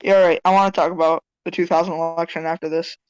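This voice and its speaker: A woman's voice: lowish voice, fast, clean tone, dry recording, rough recording. Blunt, swearing woman in a dry room. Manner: animated, blunt, swears freely. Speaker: podcast co-host. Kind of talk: casual podcast chat.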